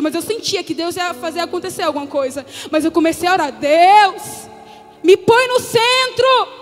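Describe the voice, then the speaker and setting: A woman preacher from Brazil, giving an urgent sermon mixed with personal testimony. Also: extremely high pitch. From Paraíba, Brazil. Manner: impassioned, urgent exhortation. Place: church hall. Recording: long church hall reverb with music.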